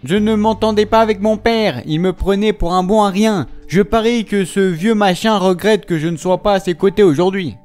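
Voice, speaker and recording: Guy putting on a cold detached young dude, cheesy fake accent, kinda high. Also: moderate pace, hardly any pauses, soft background music, lightly acted. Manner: put-on foreign accent, flat. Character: cold, detached young man, victim's son.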